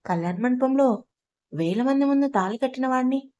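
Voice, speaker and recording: A woman's voice: high voice, lively intonation, moderate pace, dark tone, highs cut off. A woman voicing a stern, blunt young gangster husband in a storybook, curt and matter-of-fact.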